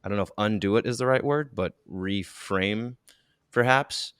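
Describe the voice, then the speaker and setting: A man's voice: lowish voice, moderate pace, fairly bright tone, clean tone, no echo, studio quality. A man hosting a podcast, speaking in a reflective, hesitant way with many restarts. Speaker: podcast host. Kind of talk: casual interview chat.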